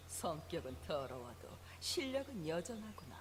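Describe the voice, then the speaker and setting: An actor voicing a mocking, menacing demon villain in a video game. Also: male voice, a little high, big pitch swings, rapid-fire, background noise.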